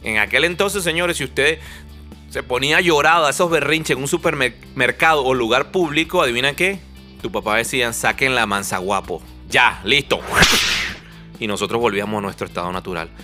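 A man's voice: medium pitch, bright, forceful tone. A man giving a humorous, casual monologue, talking in a conversational, joking way with plenty of asides.

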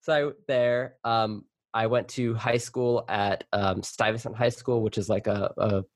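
A young arachnologist, born in Colombia and raised in New York City, chats casually as an interview guest, full of fillers and restarts. His voice is lowish and steady, unhurried, with no echo.

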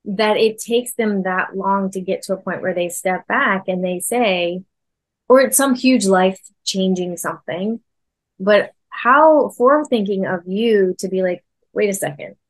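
A woman's voice: medium pitch, measured pace. A woman hosts a podcast in a casual, conversational tone with a mid-range voice. She affirms and encourages her guest as she speaks. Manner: affirming and encouraging, short backchannels. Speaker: podcast host.

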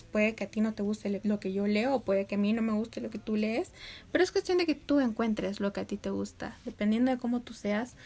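A young vlogger whose first language is Spanish chats casually and upbeat to viewers from a room at home, with neighbors' animals audible outside. Her voice is fairly high with a darkish tone.

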